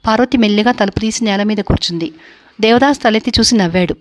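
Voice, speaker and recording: Woman storyteller, steady measured novel reading. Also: mid-range voice.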